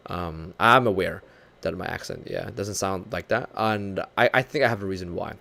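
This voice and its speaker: His voice is deep, with vocal fry, at a normal speed: a young VTuber from the Philippines chatting casually on stream. The English leans lightly North American, and he's chatty, quick to laugh, hard on himself in a joking way, and animated in his retellings.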